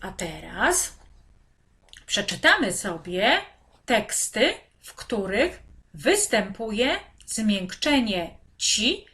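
A woman teacher giving a reading lesson to young children, articulating syllables slowly and clearly. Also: mid-range voice, very animated, fairly bright tone. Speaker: primary school teacher.

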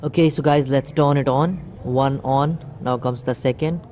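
A man's voice: medium pitch, steady tone, moderate pace, warm tone, slight background noise. A man giving a hands-on product demonstration outdoors, talking viewers through each step and calling them "guys". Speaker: electronics video host. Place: outdoor table beside plants.

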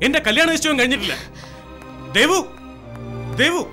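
A young guy protesting innocence, bright and high, film drama. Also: expressive, normal speed, faint music behind, heavily acted. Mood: pleading. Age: young adult. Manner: pleading, insistent. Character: wronged young man pleading innocence. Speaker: accused suitor.

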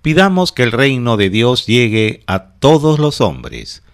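Slow, solemn man leading prayer. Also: medium pitch, sing-song, clear, resonant tone. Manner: measured, solemn reading in short phrases. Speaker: prayer leader. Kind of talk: slow liturgical prayer recitation.

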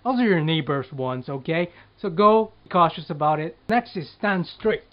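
A man's voice: a little high, animated, moderate pace, dull audio. A man giving casual speaking tips to the camera and demonstrating speech drills aloud. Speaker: speaking coach.

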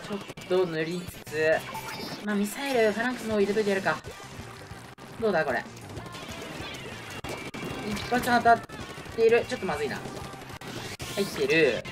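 A man's voice: high-pitched, expressive, normal speed, pauses often, poor audio. A man giving live gameplay commentary, reacting as he goes, between muttering to himself and exclaiming. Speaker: gaming streamer. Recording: music and game audio behind. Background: video game music.

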